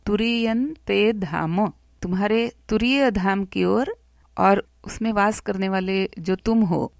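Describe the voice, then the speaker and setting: A woman teaching Sanskrit who explains a devotional hymn in a slow, measured way and chants its verses. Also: mid-range voice, vocal fry, darkish tone.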